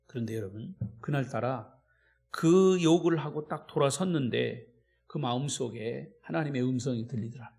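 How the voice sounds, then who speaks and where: A male pastor preaching a sermon in a church. He swings between loud, emphatic declarations and hushed storytelling. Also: mid-range voice, normal speed, creaky.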